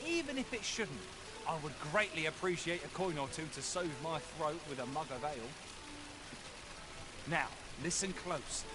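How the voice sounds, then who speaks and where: A man playing a high-voiced, theatrical fantasy street storyteller. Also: natural voice. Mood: hawking, inviting. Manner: declamatory, archaic, grandiloquent. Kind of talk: scripted rhyming storytelling, video game acting.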